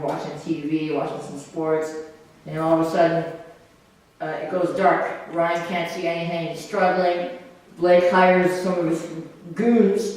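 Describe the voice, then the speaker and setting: Rambling open mic host, echoey room. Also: male voice, a little high, darkish tone. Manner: loose, rambling, lots of fillers. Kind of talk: live stand-up storytelling. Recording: echoey venue, mic at a distance, faint noise.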